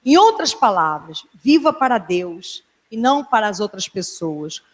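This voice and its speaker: A woman pastor preaching a sermon in a church, earnest and emphatic, sometimes dropping to a hushed tone. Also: mid-range voice, sing-song, a little slow. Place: church hall. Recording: long church hall reverb.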